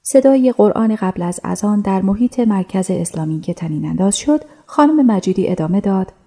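A woman narrating a radio drama. Her voice is mellow and warm at a middling pitch, and she tells the story with calm, even delivery. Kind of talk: scripted narration.

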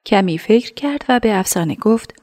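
A woman narrating a radio drama in a measured, hushed storytelling voice. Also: mid-range voice, expressive.

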